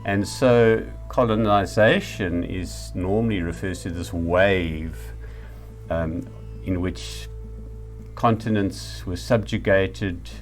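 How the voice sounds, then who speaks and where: Speaking in a deep voice with a South African accent, a middle-aged or older man lectures reflectively, measuring each point with deliberate emphasis.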